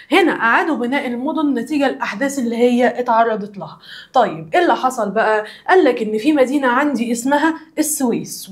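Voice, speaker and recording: A young woman teacher from Alexandria with an Egyptian Arabic accent, giving a children's social studies lesson and drilling the answers by asking the same question again and again. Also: fairly high pitch. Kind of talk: recorded classroom lesson for children.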